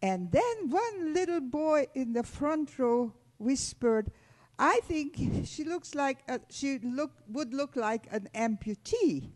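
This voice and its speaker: An older woman from Hungary, a Holocaust survivor, addressing students on an auditorium stage through a handheld mic, in a measured storytelling manner with slightly phrasing. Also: high-pitched, very animated, a little mellow. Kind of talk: testimony talk to students. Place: large school auditorium stage.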